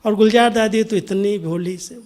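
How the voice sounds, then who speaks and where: A middle-aged man giving a spiritual discourse, telling a story in an unhurried way and sometimes sinking to a soft near-whisper. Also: high-pitched, a little hiss or hum. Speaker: spiritual speaker.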